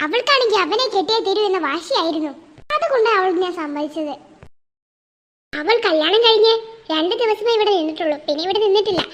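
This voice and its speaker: A woman voicing a doting but sharp-tongued middle-aged mother in a cartoon, fussy and scolding. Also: extremely high pitch, animated, a little fast. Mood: complaining. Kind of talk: cartoon voice acting.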